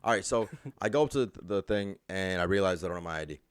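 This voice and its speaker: A young man with a deep, low voice rambles through a story on a casual podcast. He swears freely and jokes as he goes. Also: animated, fast, clean tone, no room sound. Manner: profane, rambling, jokey storyteller. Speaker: podcast co-host.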